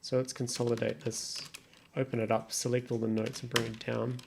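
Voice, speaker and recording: A music production tutorial creator mutters offhandedly to himself, casually thinking aloud as he works through production steps on his computer. His mid-range male voice is flat, fairly quick, and darkish. Keyboard typing and mouse clicks are clearly audible in the background.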